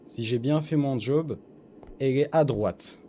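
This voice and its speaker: A young man streaming a horror game, talking casually to his viewers in slangy bursts that swing from low muttering to excited yelps. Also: unhurried, a little hiss or hum. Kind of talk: casual live-stream gameplay commentary.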